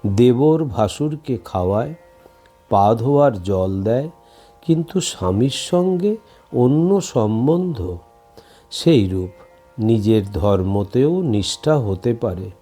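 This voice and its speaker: Slow, dark-voiced man reading scripture. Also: mid-range voice, animated, faint music behind. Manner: slow, measured recitation. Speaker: scripture reader. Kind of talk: devotional reading aloud.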